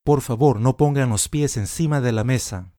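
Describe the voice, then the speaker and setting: A man reading short example sentences aloud for language learners, in a slow, deliberate, carefully enunciated way. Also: mid-range voice, dark tone, no echo, studio quality. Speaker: language teacher.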